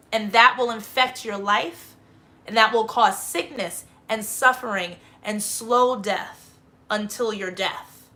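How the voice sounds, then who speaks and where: A woman's voice: on the high side, pushed and bright. A woman hosting a livestream, giving a rambling spiritual monologue full of swearing and emphatic bursts. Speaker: livestream host.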